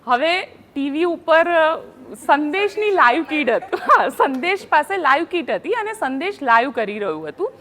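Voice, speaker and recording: A woman journalist recounting field-reporting stories in a casual panel chat, animated and acting out quotes. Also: high voice, normal speed, hardly any pauses, a little hiss or hum. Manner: animated storyteller, acts out quotes.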